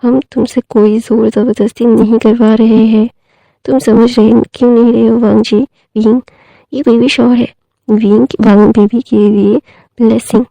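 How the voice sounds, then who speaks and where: A woman voicing a ruthless, possessive young mafia lord with blunt, flat delivery, in a storytelling retelling. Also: fairly high pitch, normal speed, creaky, no room sound. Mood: stern.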